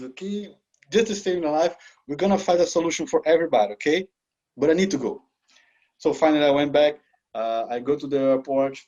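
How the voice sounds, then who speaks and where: Brazilian man telling an animated story. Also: medium pitch, muffled recording. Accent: Brazilian Portuguese. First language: Portuguese. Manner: animated, acts out quoted dialogue, laughs often. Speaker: interview guest. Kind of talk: storytelling in an interview.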